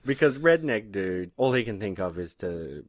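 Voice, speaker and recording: Podcast co-host, man with mixed aussie-british-american accent, lively pitch, dry close sound. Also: moderate pace, no room sound. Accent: mixed Australian, British and American. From Australia. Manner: laughing, animated, mimics characters. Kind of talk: casual chat.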